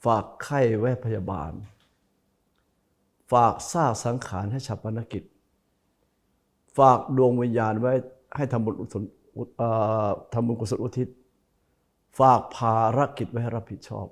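In a broadcast studio, a Buddhist monk gives a televised dharma talk, speaking directly to viewers and stressing and repeating key phrases. His mid-range voice is unhurried and fairly even, with long pauses.

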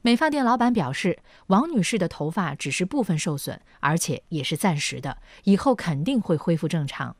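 Female news narrator, slightly low voice, animated delivery, dry studio sound. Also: moderate pace, hardly any pauses, dry recording.

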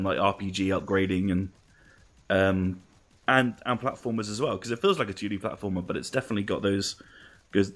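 A low-pitched man talking loosely about a new game. He rambles and circles back with lots of ums and restarts. It sounds like relaxed conversation between co-hosts. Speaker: podcast co-host. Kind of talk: casual game discussion.

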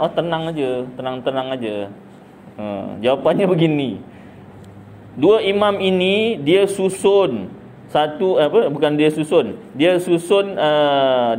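A man's voice: a little high, a little mellow, a little hiss or hum. A middle-aged man with a Malaysian Malay accent giving a casual religious talk, chatty and jokey, asking and answering his own questions. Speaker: religious teacher.

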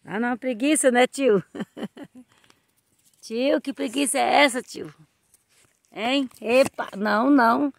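A woman's voice: high voice, slow, creaky, pauses often, no echo. A woman, filming her family's farm animals on her phone, chatty and laughing often, talking sweetly to the calves. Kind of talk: casual chat while filming. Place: farm outdoors. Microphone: phone held while filming.

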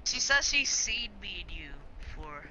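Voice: mid-range voice, very animated, normal speed, sharp tone. A teenager chatting on a game stream call, teasing and pushy, over a noisy voice-chat line. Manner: teasing, pushy, repeats words.

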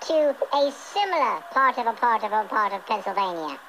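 A man's voice: high voice, big pitch swings, a little fast, pushed and bright, exaggerated voice. A man voicing a chatty, theatrical British chipmunk on a comic radio phone-in, stammering and repeating himself politely. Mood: playful, fussy. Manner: stammering, repetitive, over-polite. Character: fourth, forgotten chipmunk from England, chatty, fussy, theatrical. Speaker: phone-in host character. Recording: noisy radio played through TV speaker.

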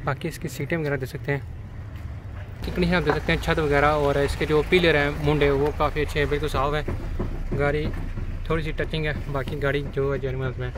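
A young man from Pakistan-administered Kashmir, a used car dealer vlogger, walks viewers around a used van for sale outdoors, holding his phone camera at arm's length. His high-ish voice is flat, his patter is brisk, and he addresses viewers directly. The outdoor phone audio is noisy.

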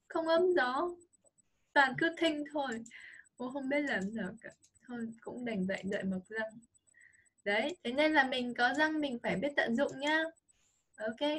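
A woman's voice: fairly high pitch, a bit bright, husky. A woman with a Vietnamese accent teaching English pronunciation to a child, patient and coaching, modelling sounds over and over. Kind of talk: online pronunciation lesson for a child.

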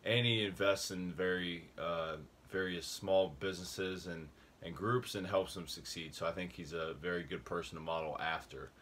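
A man's voice: deep voice, fairly even intonation, moderate pace, a bit bright, slight background noise. A young man talking casually about a book he read, rambling with fillers and restarts, a little out of breath. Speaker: book review vlogger. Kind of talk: casual video talk.

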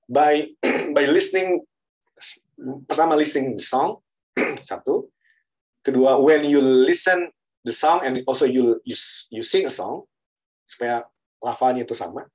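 Male lecturer, mid-pitched, filler-heavy teaching talk. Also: rough recording. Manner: explains with repeated fillers, switches often into English. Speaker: university lecturer. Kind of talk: online lecture.

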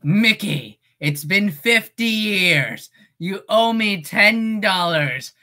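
A woman voicing an old-time cartoon rabbit man who holds a grudge, drawing out each word slowly and emphatically. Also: medium pitch, expressive, pushed and bright. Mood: grudging. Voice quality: slow, drawn-out and emphatic. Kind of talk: voice impression on a livestream.

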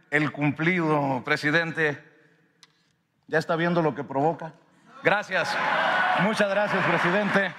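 Man in his fifties, earnest formal address, pitched a touch high, long hall reverb. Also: fairly bright tone. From Sonora, Mexico. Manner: earnest and grateful, emphatic with drawn-out pauses. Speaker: independent media director giving a speech. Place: large ornate hall in a palace. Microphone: podium microphone.

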